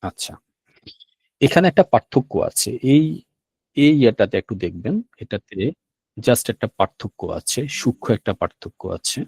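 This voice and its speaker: A man's voice: mid-range voice, lively intonation, normal speed, a little mellow, husky, no echo. A man teaching a language class, patiently repeating words and checking that students follow. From Bangladesh. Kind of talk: classroom lesson explaining vocabulary.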